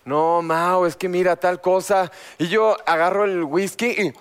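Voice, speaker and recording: Animated Mexican man telling stories. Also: high-pitched, a little slow, clear, resonant tone. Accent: Mexican Spanish. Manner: animated storyteller who acts out quotes. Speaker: panelist. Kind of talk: casual chat, storytelling.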